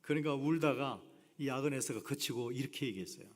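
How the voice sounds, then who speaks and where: A man's voice: mid-range voice, fairly quick. A man preaching a sermon as a guest pastor, telling stories animatedly and acting out the voices of the people in them. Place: church sanctuary. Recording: long church reverb.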